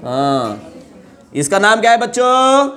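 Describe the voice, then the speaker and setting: Teaching biology with a high, fairly bright voice and big swings in pitch, a man quizzes his class and answers his own questions. His chalk-and-talk lesson relies on call-and-response, with drawn-out, emphasized terms spelled letter by letter.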